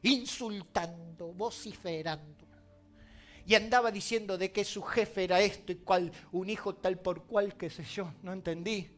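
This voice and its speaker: A male pastor with an Argentine accent preaching a sermon, swinging from loud emphasis to quiet, confiding asides. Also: sits high, measured pace. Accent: Argentine Spanish.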